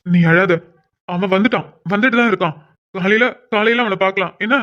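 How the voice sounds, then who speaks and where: A man voicing a gentle, protective older brother who soothes his tearful sister in a cartoon. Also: high voice, fairly quick, dull audio. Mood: soothing. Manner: soothing, reassuring. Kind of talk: Tamil cartoon voice acting.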